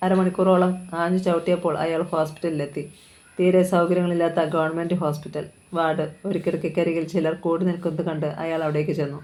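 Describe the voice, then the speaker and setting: Flat, mellow novel narrator. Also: medium pitch, poor audio. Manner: steady dramatic storytelling. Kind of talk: reading a novel aloud.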